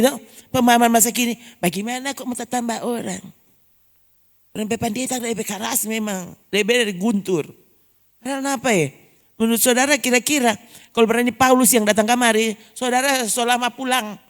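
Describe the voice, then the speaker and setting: A woman's voice: on the high side, fairly quick. A woman pastor preaching a sermon, emphatic and full of rhetorical questions. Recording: long church reverb.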